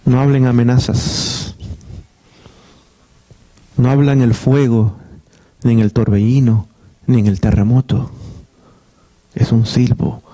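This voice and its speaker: Mellow-voiced pastor preaching a sermon. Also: male voice, mid-range voice. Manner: earnest, repeats phrases, restarts words.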